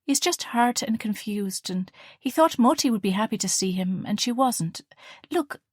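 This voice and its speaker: A woman reading the part of a young female student and caring older sister in an audiobook, earnest and expressive. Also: on the high side, normal speed, breathy edge, no room sound, studio quality, pitched above the performer's own voice. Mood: weary.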